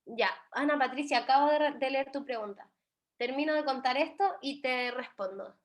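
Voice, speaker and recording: A woman's voice: high voice, moderate pace. A young woman with a Chilean Spanish accent teaching an online Bible class, speaking earnestly and emotionally, often restarting her sentences.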